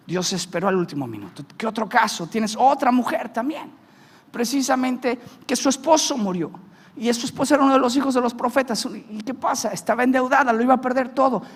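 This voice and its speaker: A man, a pastor, preaching a sermon and telling a story, moving from hushed tones to shouts and joking with the congregation. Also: extremely high pitch, slightly rough, in a large hall. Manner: animated, swings from hushed to shouting, jokes with congregation.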